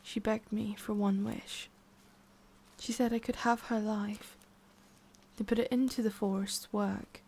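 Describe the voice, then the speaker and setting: In an intimate ASMR roleplay, a woman voices a lonely, guarded immortal witch, talking softly and often slipping into a whisper. Her mid-range voice is creaky and husky, and she stays fully in character.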